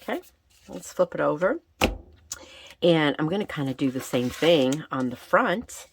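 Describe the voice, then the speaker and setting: Low, gravelly whiskey-voiced woman. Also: animated, a little slow, noisy background. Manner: chatty, thinking aloud while working. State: getting over a recent illness. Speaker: craft channel host. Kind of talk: casual craft tutorial chat.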